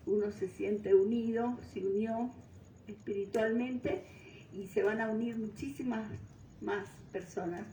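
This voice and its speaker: An older woman from Venezuela giving a devotional talk, pausing often and searching for words. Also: mid-range voice, warm tone, slight background noise. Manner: unhurried, searching for words, frequent fillers. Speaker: guest speaker. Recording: distant mic in roomy hall.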